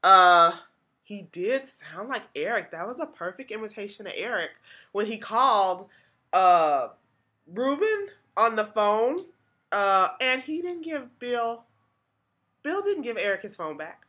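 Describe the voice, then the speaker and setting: Very animated yet unhurried, this woman speaks in a mid-range voice that's bright and forceful. Hosting her podcast, she breaks down a TV episode in a loose, chatty manner, with frequent "like"s and false starts.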